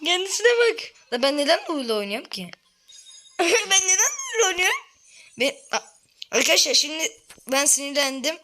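A woman chatting excitedly and swearing while playing a phone game with her older sister at home, often shouting and laughing. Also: high-pitched, moderate pace, long pauses, slight background noise. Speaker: gamer recording gameplay with her older sister. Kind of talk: excited casual gameplay chat.

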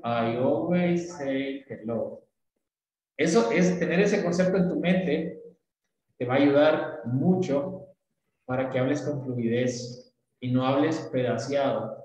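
A man's voice: mid-range voice, unhurried, darkish tone, very echoey, low-quality recording. A man from Latin America teaching an English lesson, explaining patiently with images and asking questions.

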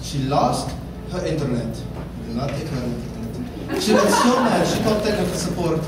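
A man's voice: fairly high pitch, big pitch swings, normal speed. A man doing a stand-up comedy set with impressions and a put-on accent, heard on a club stage with the audience laughing. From West Virginia. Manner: switches between a put-on foreign accent and impressions. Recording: roomy far-off live club recording.

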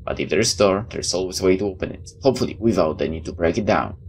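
A woman with a very deep, darkish voice reads game text aloud during a playthrough, racing along in an animated way. She drops in casual, incredulous asides as she goes, and there's faint noise in the background.

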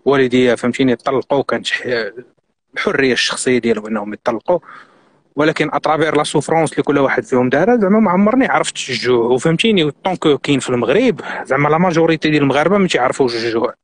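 A man's voice: mid-range voice, lively intonation, very fast, no echo. A middle-aged man from Morocco with a Moroccan accent, a guest on a live stream, giving earnest, insistent advice and mixing in French and English words.

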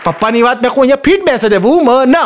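A young man with a Gujarati accent telling a comic story onstage, racing through quick anecdotes full of quoted dialogue. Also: extremely high pitch, lively intonation, fairly bright tone, a faint crowd, slight background noise. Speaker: stand-up comedian.

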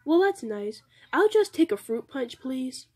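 A woman's voice: sits high, big pitch swings, measured pace, darkish tone, exaggerated voice. A woman voicing a fussy young female customer in a doll play, whiny and complaining.

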